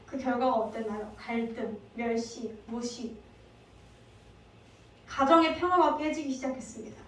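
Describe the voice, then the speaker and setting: A woman evangelist giving a sermon, telling the story lively and asking the congregation many questions. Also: on the high side, unhurried, slight background noise. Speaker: evangelist preacher. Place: church sanctuary. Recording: very echoey hall, distant mic.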